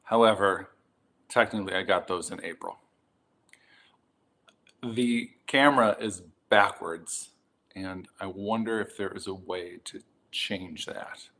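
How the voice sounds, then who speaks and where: Tired, slow-talking jet-lagged man. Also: deep voice, a bit bright. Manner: rambling, hesitant, with many ums and restarts. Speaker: vlogger reviewing his vinyl purchases. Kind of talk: casual chat to camera.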